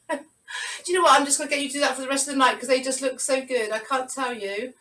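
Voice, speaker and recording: A woman's voice: high-pitched, quick pace, a bit bright. A woman teaching a live online Pilates class, encouraging her students and counting the reps aloud. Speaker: Pilates instructor. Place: room at home, on a video call. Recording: roomy, distant video-call sound.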